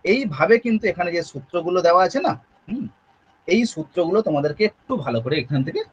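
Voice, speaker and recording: High-voiced man tutoring Sanskrit grammar. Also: animated, fast talker, husky, lo-fi sound. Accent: Bengali. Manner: explains step by step, keeps asking the students questions. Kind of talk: exam-prep grammar lesson.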